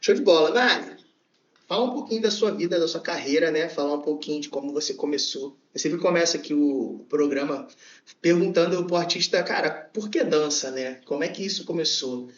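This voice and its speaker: Give me an upbeat, chatty Carioca man hosting a podcast, a bit high-pitched, recorded in an echoey room. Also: fairly quick, highs cut off. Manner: upbeat, chatty, laughs often. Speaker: podcast host. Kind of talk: casual chat.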